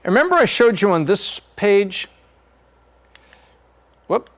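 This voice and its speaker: A man's voice: high voice, big pitch swings, slow, fairly bright tone. A middle-aged man hosting a podcast, walking through charts in a chatty, joking way. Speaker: podcast host.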